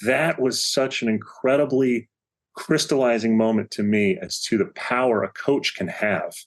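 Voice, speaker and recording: A man's voice: medium pitch, normal speed. A middle-aged man, a baseball coach, telling a story as a podcast guest, acting out the quotes as he goes. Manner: animated storyteller, acts out quotes. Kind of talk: storytelling in casual interview.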